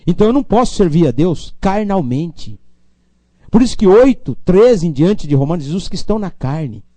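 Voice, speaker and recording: A man from Brazil delivering a sermon, his high voice leaping up and down as he moves from quiet asides to raised appeals and calls for amens. The tone is dark and mellow despite the high pitch, and the sound is dry and close. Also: sing-song, normal speed, no echo. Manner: preaching with call-and-response amens, swinging from low to loud. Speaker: pastor.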